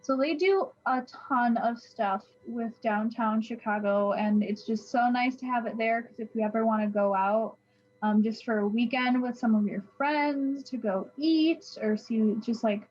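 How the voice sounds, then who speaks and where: A woman's voice: on the high side, measured pace, darkish tone, muffled recording, faint music behind. A young woman, a student ambassador chatting casually in a bubbly, giggly, effusive way. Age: young adult. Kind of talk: casual chat.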